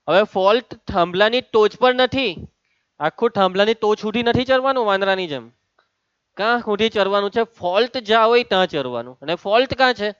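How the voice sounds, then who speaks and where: Teasing high-voiced maths teacher, lo-fi. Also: male voice, a bit bright, clean tone, no echo. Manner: chatty, teasing, calls on students by name. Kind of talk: classroom maths lesson. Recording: dull, lo-fi sound.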